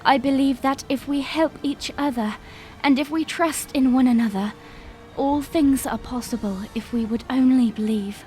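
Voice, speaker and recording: A woman plays a young fantasy princess with a high voice. She speaks in stately, earnest phrases, like a resolute leader in an audio drama, with music beneath her. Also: moderate pace, mellow, natural voice. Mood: solemn, proclaiming. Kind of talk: fan audio drama acting, formal oratory.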